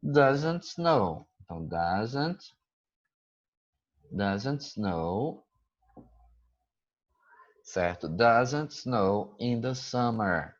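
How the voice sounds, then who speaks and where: A man's voice: fairly low pitch, dull audio. A man who teaches English, patiently explaining a school exercise and often stopping to check that his students follow. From Brazil.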